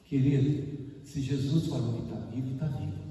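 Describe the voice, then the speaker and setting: A man with a Brazilian Portuguese accent preaching a sermon as pastor, animated and acting out the people in his story. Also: mid-range voice, normal speed, faint music behind. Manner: animated, acts out voices and exclamations. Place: church hall during a service. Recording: echoey hall, mic far off.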